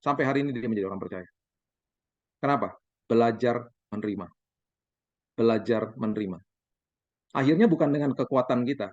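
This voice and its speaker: A man in his forties, a pastor, preaching a sermon as lively stories, acting out the dialogue for the congregation. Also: medium pitch, no room sound. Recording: dull, dry sound.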